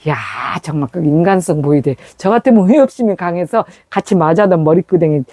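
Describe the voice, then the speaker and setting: A woman's voice: on the low side, fairly quick, dark tone, no room sound. A woman preaching a sermon through a personal story, acting out the scenes as she tells them.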